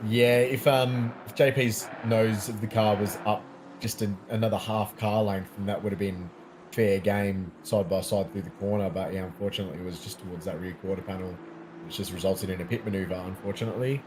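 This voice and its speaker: Calm low-voiced race co-commentator. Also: male voice, noisy background. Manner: measured, explanatory, calm analysis. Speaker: sim racing co-commentator.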